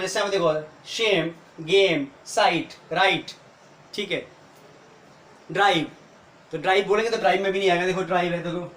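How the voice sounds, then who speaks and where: The speaker is an English teacher giving a video lesson; his voice is high with a touch of brightness. He breaks the explanation into steps and regularly asks questions he doesn't expect answered. You can hear the room's echo and a faint noise floor.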